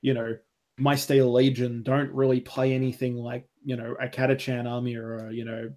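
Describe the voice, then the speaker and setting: A man's voice: medium pitch, little pitch movement, normal speed, darkish tone. Rambling casual man, swears freely. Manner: rambling, full of "like" and "you know", swears freely. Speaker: podcast co-host. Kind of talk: casual chat.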